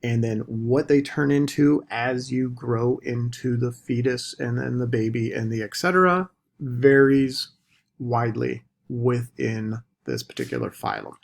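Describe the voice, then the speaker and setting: A man teaching a recorded biology lecture, deliberately stressing the key terms. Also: medium pitch, steady tone, gravelly. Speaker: biology instructor.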